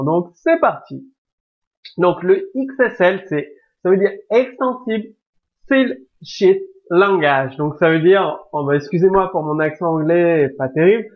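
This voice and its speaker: A man hosting a programming lesson, explaining casually with fillers and restarts. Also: sits high. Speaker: programming tutorial host. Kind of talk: screen-recorded coding lesson. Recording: tinny phone-like sound.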